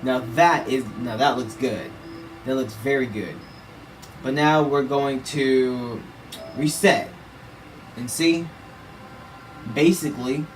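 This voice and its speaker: A young man with an ordinary, mid-pitched voice explains settings in a loose, chatty tutorial recorded in his room. He rambles, adds asides to his viewers and fills gaps with "you know." A faint hiss of noise sits under the voice. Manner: rambling, conversational, lots of fillers and asides to viewers. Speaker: video creator. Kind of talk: casual tutorial walkthrough.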